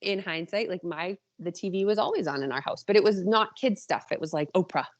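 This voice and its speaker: An indie author in her thirties or so chats casually and animatedly as a podcast guest, poking fun at herself along the way. Her mid-range voice is brisk, and the recording sounds muffled.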